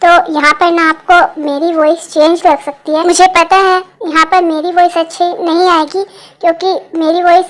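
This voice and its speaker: A woman with a hoarse, sore throat, the creator of a fan dub channel, speaking apologetically and casually to her viewers, with faint music behind. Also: very high voice, little pitch movement, moderate pace, a bit bright.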